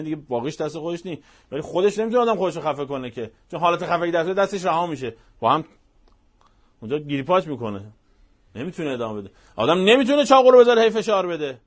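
Male preacher with a slightly high voice, emphatic storyteller, moves from soft to loud and fervent. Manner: swings between hushed and loud passionate delivery. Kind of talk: religious sermon.

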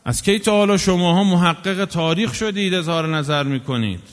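Guy preaching hard, high voice, big echoey hall, scolding and rhetorical. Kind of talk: sermon. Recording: long hall reverb.

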